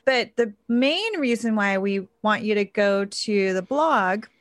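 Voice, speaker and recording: A woman co-hosting a podcast who reads the scripted intro briskly, then chats casually. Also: medium pitch, expressive, no echo. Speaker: podcast co-host.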